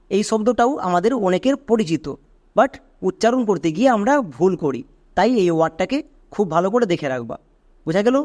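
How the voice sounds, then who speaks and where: A man teaching English pronunciation in an online phonics lesson, patiently spelling words out letter by letter and checking with quick questions. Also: high-pitched, darkish tone.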